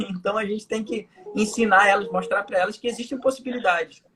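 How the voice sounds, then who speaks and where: This young man, a hypnotherapist guest with a Manaus Brazilian Portuguese accent, talks brisk and forceful in a high, bright voice with a steady tone. Over a casual live video chat he illustrates his ideas with everyday anecdotes, and there's slight background noise.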